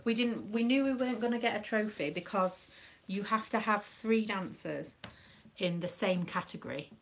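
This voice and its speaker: With a slight hiss or hum on the stream, a British woman speaks at normal speed in a mid-range voice. She is a craft live-streamer and proud dance mum, chatting casually in a rambling way, full of ums.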